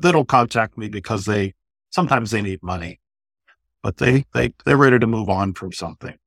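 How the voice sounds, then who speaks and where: A man's voice: lowish voice, animated, brisk, gravelly, a bit bright, no room sound, studio quality. A man answering questions as a guest on a podcast, in short, plain, earnest sentences. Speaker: podcast guest, note buyer. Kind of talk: conversational podcast interview.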